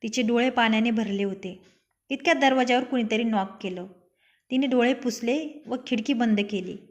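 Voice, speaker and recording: A woman's voice: on the high side, moderate pace. A young woman narrating her own written love story, reading every character's lines herself.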